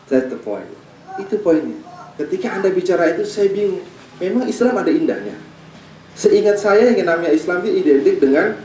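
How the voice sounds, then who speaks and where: A male preacher giving an animated sermon story, acting out the voices of the people in it. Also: slight background noise. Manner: animated, acts out quoted voices with big pitch jumps. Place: talk at a school gathering, roomy space. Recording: roomy echo, mic at a distance.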